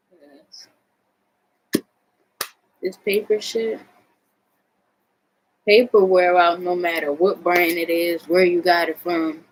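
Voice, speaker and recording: An American woman rambles in a laid-back way in a vlog where she shows off her own artwork, swearing freely. Her voice is fairly low, and the low-quality recording carries a little hiss or hum.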